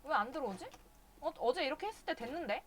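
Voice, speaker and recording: A woman's voice: sits high, animated, fast talker, a little hiss or hum. A woman streaming a video game live, chatting casually and cursing at the characters in exasperation.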